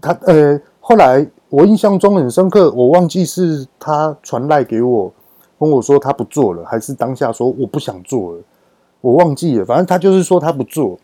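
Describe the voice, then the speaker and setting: A man's voice: on the high side, normal speed, dry recording. A man, a business owner telling a personal workplace story and acting out the dialogue in it. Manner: lively retelling that acts out quoted dialogue.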